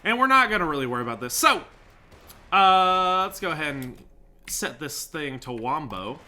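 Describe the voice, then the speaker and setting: A man's voice: fairly high pitch, very animated, fairly quick, pushed and bright. A man giving casual, joking commentary over a sandbox game, talking sarcastically with lots of fillers. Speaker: gaming YouTuber.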